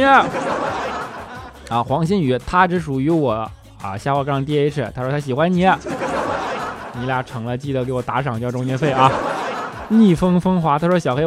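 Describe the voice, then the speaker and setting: Playful male host over background music. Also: mid-range voice. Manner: playful, teasing, laughs often. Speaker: radio show host. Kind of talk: reading listener comments with jokes. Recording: music bed under the voice.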